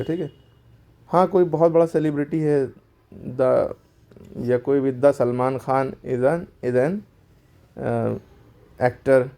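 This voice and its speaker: A man's voice: a little high, gravelly, mellow. A man teaching a grammar lesson to schoolchildren, explaining step by step and answering his own questions.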